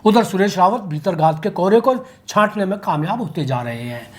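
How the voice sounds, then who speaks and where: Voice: mid-range voice, expressive, brisk. A local news commentator reading an opinionated political commentary from a script, with vivid turns of phrase.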